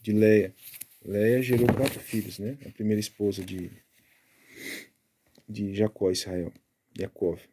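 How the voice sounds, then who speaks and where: A man giving a casual Bible study, explaining step by step and tagging his sentences with quick checks to the listener. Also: fairly low pitch, steady tone, background noise. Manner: chatty, keeps tagging lines with "né?"; explaining Hebrew letters and pronunciation step by step.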